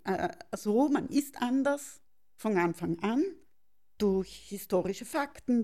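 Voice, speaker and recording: A middle-aged woman from South Tyrol, Italy, speaks with a South Tyrolean accent as an interview guest, her voice a little high and mellow. She reflects aloud in searching, halting phrases.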